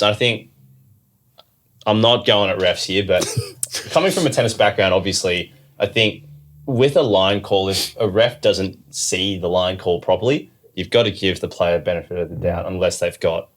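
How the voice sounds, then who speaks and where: A man on a podcast, talking in a measured, reflective way and often hedging with "I think". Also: low-pitched, expressive. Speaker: podcast co-host. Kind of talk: casual chat.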